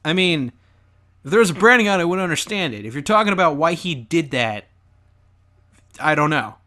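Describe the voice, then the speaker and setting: Brief: male let's play commentator, lively pitch, slightly high, sarcastic jokes. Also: fairly quick. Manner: animated, sarcastic and joking. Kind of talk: reaction commentary on his old video.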